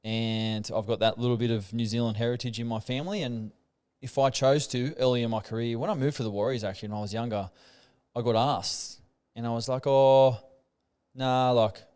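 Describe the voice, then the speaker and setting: A man's voice: medium pitch, fairly even intonation, a little fast, darkish tone, clear, resonant tone. An Australian man in his thirties, a rugby league player hosting a podcast, chatting casually about rugby in a laid-back way. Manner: laid-back, chatty, says "um" and "mate" often.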